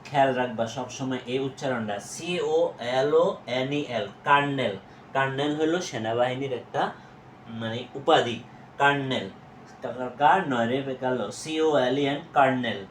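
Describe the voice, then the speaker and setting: A male teacher with a Bangladeshi accent runs a vocabulary lesson, spelling words letter by letter and saying each one over. He quizzes his students along the way. His mid-pitched voice rings in a roomy space with a faint hiss behind it. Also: a little slow. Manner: addresses students directly, quizzing them. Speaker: English teacher. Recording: echoey room with faint noise.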